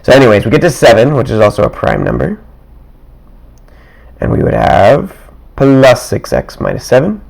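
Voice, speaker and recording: Teaching math by working examples, a man muses aloud at his desk with small chuckles and asides in a casual manner. His mid-range, slightly mellow voice swings hugely in pitch and is raspy and dry-throated, roughening as he clears it; his pace is moderate with frequent pauses.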